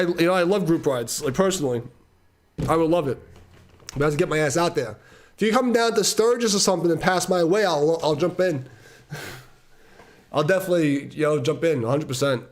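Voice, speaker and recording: High-pitched laughing Brooklyn man, profane. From Brooklyn, New York. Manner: laughs often mid-sentence, heavy swearing, repeats words as he talks. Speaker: streamer telling a story to guests. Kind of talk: casual profane storytelling on a live stream.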